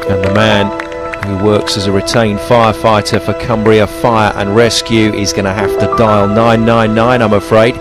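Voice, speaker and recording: A man's voice: on the low side, little pitch movement, normal speed, few pauses. A man presenting and commentating on televised golf in punchy broadcast phrasing. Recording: loud music under the voice. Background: music.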